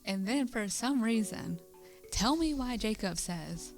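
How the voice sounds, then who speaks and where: A woman's voice: on the high side, lively intonation, measured pace, faint music behind. A young woman co-hosting a podcast, telling a rambling story in casual chat, with lots of "like" and frequent giggles. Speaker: podcast co-host.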